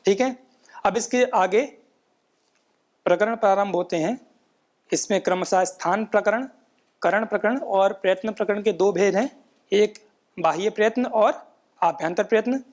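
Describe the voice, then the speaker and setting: A man giving a patient, explanatory lesson on pronunciation, often checking in with tag questions and chanting rules in a measured recitation. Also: high voice. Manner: patient, repeats points with frequent "है ना" tag questions. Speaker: Sanskrit pronunciation teacher. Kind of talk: explanatory lecture.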